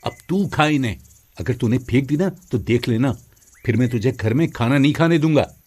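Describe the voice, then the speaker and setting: A man voicing an arrogant, bullying elder brother, scolding and commanding, in an animated moral story. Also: medium pitch, normal speed, slightly rough. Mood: angry.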